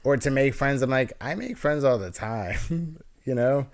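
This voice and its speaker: Appearing as a guest on a laid-back podcast interview, a nasal-voiced man of mid-range pitch talks at a measured pace. He comes across as earnest, wandering through his points and often starting over.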